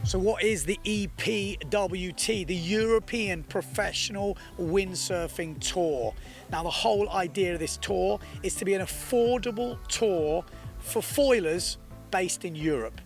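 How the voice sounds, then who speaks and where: Over faint background music, a man with a high-sitting, unhurried voice presents a windsurfing event report. He's enthusiastic and explains things to viewers with real emphasis.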